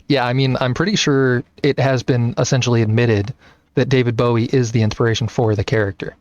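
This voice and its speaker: A man's voice: mid-range voice, steady tone, brisk, no echo, dull audio. A man streaming a video game, making rambling, self-deprecating asides. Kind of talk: casual game commentary.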